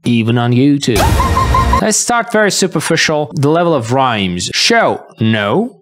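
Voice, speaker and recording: A man's voice: mid-range voice, sing-song, normal speed, over music. A young man hosting his own channel, analyzing song lyrics in casual commentary, weighing rhymes with playful self-mocking asides.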